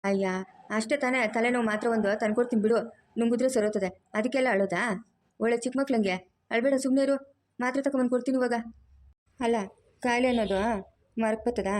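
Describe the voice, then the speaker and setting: A woman voicing a bossy, caring middle-aged village aunt, in a loud, scolding, teasing manner. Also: on the high side, quick pace, pauses often, slight background noise, close to an everyday voice.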